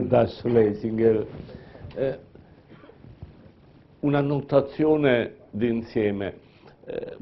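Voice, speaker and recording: Slow-spoken man in a panel debate. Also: medium pitch, vocal fry. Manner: slow, measured and hesitant. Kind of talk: conference discussion. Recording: dull lo-fi conference recording.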